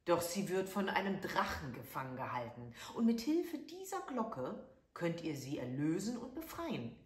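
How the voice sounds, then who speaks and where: A woman voicing a poor old woman who is secretly a fairy, high-pitched and pleading, in a roomy recording. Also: very animated, normal speed. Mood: solemn. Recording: echoey room.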